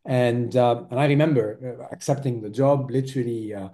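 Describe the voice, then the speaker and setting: A man's voice: mid-range voice, fairly even intonation, normal speed, mellow. A man in his forties from Lebanon, a podcast guest recounting his career with frequent hesitations. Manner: hesitant, many filler sounds. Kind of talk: interview conversation.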